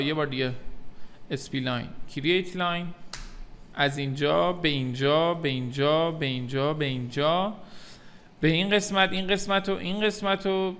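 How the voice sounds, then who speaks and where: Man, software tutor; bright, slightly high voice, calm step-by-step delivery. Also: a little hiss or hum. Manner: calm step-by-step explaining, addresses viewers as kids. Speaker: 3D modeling tutor.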